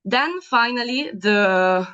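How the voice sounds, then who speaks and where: A woman's voice: on the high side, lively intonation, slow pace, bright, forceful tone. A young woman with an Italian accent, hosting an online webinar with frequent hesitations. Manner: hesitant, many ums and uhs. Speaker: webinar host. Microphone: video call. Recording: dull lo-fi video call audio.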